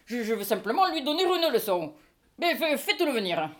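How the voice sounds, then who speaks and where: A woman's voice: a little high, sing-song, fairly quick. A woman with a French accent reading the part of an indignant middle-aged husband, in a stage reading. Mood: flustered. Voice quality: pompous, mock-solemn.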